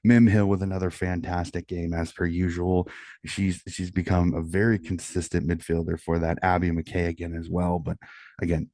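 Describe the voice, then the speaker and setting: Middle-aged man, deep mellow voice, quiet night-time delivery, sports podcast host, close dry mic. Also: flat delivery, normal speed, dry recording. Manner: hushed, quieter than normal late-night-radio delivery so as not to wake someone. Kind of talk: sports round-up talk. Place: small room at home. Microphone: close studio mic with pop filter.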